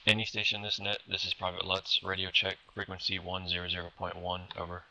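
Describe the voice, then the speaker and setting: A man doing radio checks over an in-game helmet radio, halting with fillers. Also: sits low, monotone, bright, forceful tone, slight background noise, low-quality recording. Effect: in-game helmet radio transmission. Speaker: player on a military sim radio net. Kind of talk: radio procedure.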